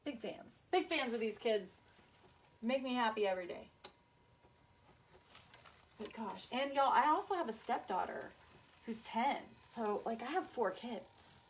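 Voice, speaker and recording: A woman's voice: fairly high pitch, animated, measured pace, pauses often, a little hiss or hum, poor audio. A woman, chatting casually as host of a craft livestream and reading out viewer comments. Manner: chatty, bubbly, says y'all, reads out viewer comments. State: tired, busy mother. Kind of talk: casual chat on a live video.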